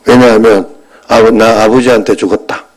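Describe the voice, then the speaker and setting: A pastor in his fifties preaching a sermon and telling a personal story in a conversational way. His voice jumps from loud bursts to quiet asides. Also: fairly low pitch, fairly even intonation, moderate pace, poor audio.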